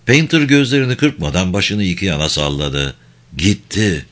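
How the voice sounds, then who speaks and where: A man reads an audiobook aloud, his voice sitting fairly low. His delivery is steady and measured, yet his pitch moves in lively swings through the action. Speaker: audiobook narrator. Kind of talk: scripted audiobook narration.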